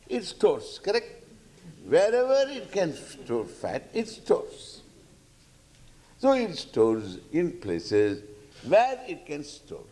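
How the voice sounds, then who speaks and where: A man with an Indian accent gives a spiritual discourse as a teacher, playful and acting out questioners. His voice is on the high side with a darkish tone, and he speaks haltingly, repeating phrases for emphasis.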